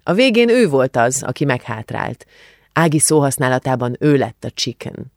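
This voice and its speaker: Male audiobook narrator with a Hungarian accent, measured, gravelly, dry studio sound. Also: medium pitch, sing-song, no echo. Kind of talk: scripted narration.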